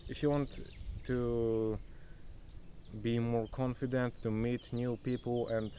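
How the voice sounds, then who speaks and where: A young man who isn't a native English speaker records a casual phone vlog outdoors at a rural spot near a forest, chatty and loose, calling the viewer "bro." His medium-pitched voice is flat and slow. The lo-fi sound has a little hiss or hum, with faint insects and nature sounds behind him.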